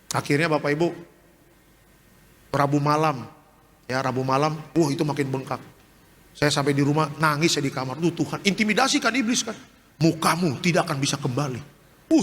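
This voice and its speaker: A man, a pastor, telling a personal testimony in a sermon, animated and joking with the congregation. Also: extremely high pitch, a little hiss or hum. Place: church hall. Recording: live stream in a reverberant church hall.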